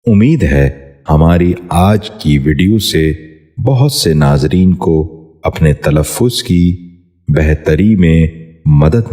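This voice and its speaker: Male voice, very low, formal scripted lesson host, careful and polite. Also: mellow. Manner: formal, courteous, slow repetition of each word. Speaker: Urdu pronunciation teacher.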